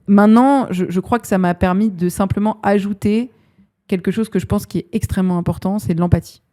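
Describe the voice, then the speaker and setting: A woman's voice: medium pitch, a little fast, warm tone. A woman in her thirties, an HR director guest on a podcast, talking reflectively and searching for her words. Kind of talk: casual podcast interview.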